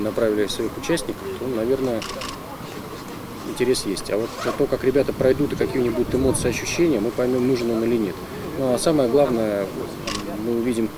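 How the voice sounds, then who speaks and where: A man gives a spontaneous interview answer as an official. He speaks quickly at a medium pitch, with loud outdoor vehicle noise behind him.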